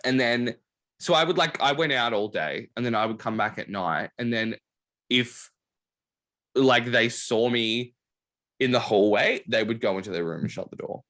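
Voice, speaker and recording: At normal speed and a mid-range pitch, a young podcast host keeps things casual, telling animated stories studded with "like" fillers.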